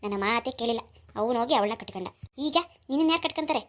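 A woman voicing a sharp-tongued, jealous village mother in a cartoon, with a grumbling, sarcastic way of talking. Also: on the high side, fast, close to an everyday voice. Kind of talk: cartoon voice acting.

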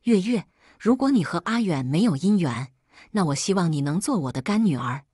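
A woman's voice: lowish voice, lively intonation, normal speed, a little mellow, slightly rough, no echo, clean studio sound. A woman voicing a kind, protective older mother in a read-aloud story.

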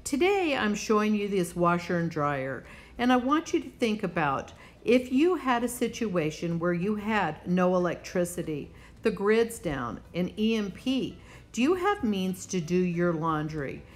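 A woman with a mid-range voice and big pitch swings speaks at a measured pace. She hosts a prepping channel's preparedness vlog, talking to the viewer directly in a casual, instructive, plainspoken way.

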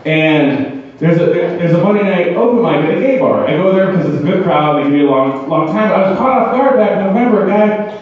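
A man's voice: high voice, animated, fairly quick. A man doing a rambling, self-mocking stand-up set at an open mic in a bar. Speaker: stand-up comedian. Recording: distant echoey dull bar recording.

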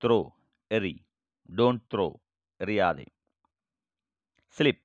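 A man teaching English vocabulary, saying each phrase slowly and then repeating it in translation. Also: on the low side, animated, dry recording, highs cut off. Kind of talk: bilingual vocabulary lesson.

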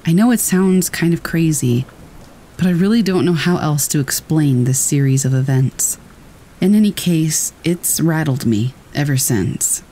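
A narrator reading first-person horror stories aloud in a steady storytelling manner. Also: mid-range voice, a little slow, slight background noise, rough recording.

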